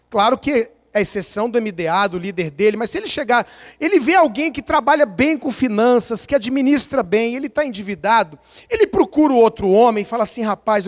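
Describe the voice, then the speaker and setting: High-voiced Brazilian pastor in a reverberant church. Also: male voice. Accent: Brazilian Portuguese. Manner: animated storytelling, acting out scenes and counting aloud. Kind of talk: sermon. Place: church sanctuary. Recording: long church-hall reverb.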